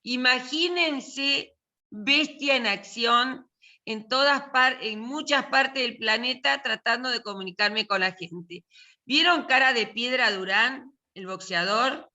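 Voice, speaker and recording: A woman's voice: a little high, takes it slowly, sharp tone. An older woman with an Argentine accent, teaching a literature and film class in a chatty, joking, colloquial way over a video call. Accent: Argentine Spanish. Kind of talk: casual online class talk.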